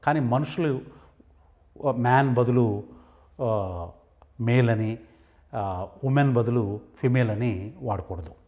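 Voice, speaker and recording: A man teaching English vocabulary, slowly saying each word and then explaining what it means. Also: medium pitch, lo-fi sound. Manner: slow, deliberate, repeats and stresses each English word before explaining it. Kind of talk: vocabulary lesson.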